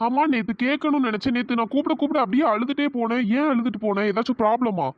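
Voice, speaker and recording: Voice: medium pitch, fast, dry recording, dull audio, lightly acted. A performer voicing a young college man in a cartoon story, teasing at first and then pleading and apologetic.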